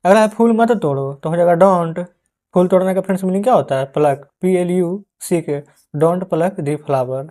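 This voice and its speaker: A man teaching English as an online tutor, who spells out words letter by letter, calls his listeners friends again and again and slows down while dictating answers. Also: sits high, mellow. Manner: calls listeners "friends" in nearly every line.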